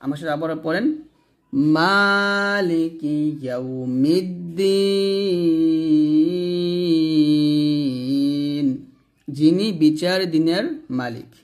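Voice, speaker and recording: A Bangladeshi man teaching recitation, higher-voiced. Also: a little mellow. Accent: Bangladeshi Bengali. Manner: spells out letters and vowels, then chants words slowly and drawn out; quick spoken explanations between slow chanted syllables. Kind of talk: step-by-step recitation lesson.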